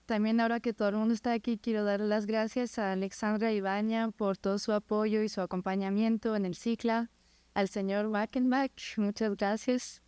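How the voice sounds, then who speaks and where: Presenting her research in a prepared academic talk, a French master's student in her twenties speaks as a non-native speaker with a French accent. Her clean, darkish voice is medium-pitched and level, at a moderate pace, with no room sound.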